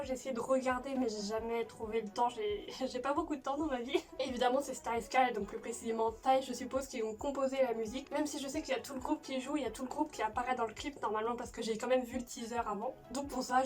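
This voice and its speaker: A young woman with a fairly high voice and a slushy, lisping s. She chats informally as a reaction video host, gushing and repeating herself in slang, recorded a little away from the mic. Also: far from the mic. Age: late teens, young adult. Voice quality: slushy lisp on s sounds. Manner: stiff upper lip from mouth swelling. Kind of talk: casual excited video chat.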